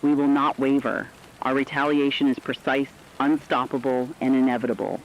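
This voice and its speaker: Delivering a scripted, dramatic news report as a radio war correspondent, this man speaks in a grave, formal, emphatic, and resolute manner. His medium-pitched voice sounds natural, with a flat delivery at a moderate pace. A little hiss or hum sits under the dull lo-fi radio sound, along with faint rain.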